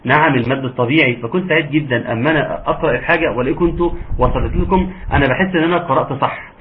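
A man with an Egyptian accent teaching a tajweed lesson, patient and encouraging, sometimes slowing into drawn-out recitation. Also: mid-range voice. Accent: Egyptian Arabic. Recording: narrow phone-like audio, faint hiss.

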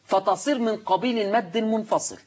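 A man with an Egyptian Arabic accent teaching Quran recitation rules at a board, animated, asking the class questions and answering them himself. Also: high-pitched, fast, dull audio.

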